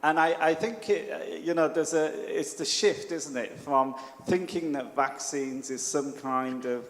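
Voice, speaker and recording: A man, a pastor, answering calmly and in measured terms on a church panel, with frequent fillers. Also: a little high. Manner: calm, measured, with many fillers. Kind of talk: panel discussion. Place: church hall. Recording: roomy echoey hall, faint background noise.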